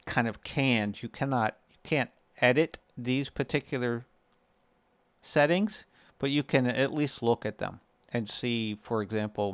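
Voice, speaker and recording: This gaming video host speaks at a medium pitch with a smooth delivery, guiding viewers step by step through a relaxed screen-share tutorial. His voice is recorded dry.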